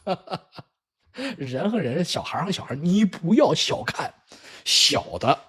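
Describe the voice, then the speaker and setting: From his home in Vancouver, a middle-aged man hosts a casual livestream chat, animatedly telling family stories full of swearing and laughter and acting out the children's voices when quoting them. His slightly high, expressive voice is a bit bright with a breathy edge, and he takes his time.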